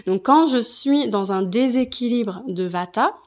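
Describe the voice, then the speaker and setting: A woman's voice: a little high, animated, unhurried, a little mellow. A woman from France hosting a podcast, explaining things in an informal way. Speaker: podcast host, yoga teacher.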